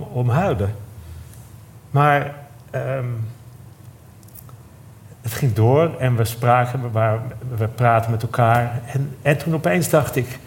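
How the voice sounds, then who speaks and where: A man on a theatre stage telling a personal story in an emotional, halting way, often breaking off and starting again. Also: medium pitch, darkish tone, a little hiss or hum. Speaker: guest storyteller. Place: theatre stage before a live audience.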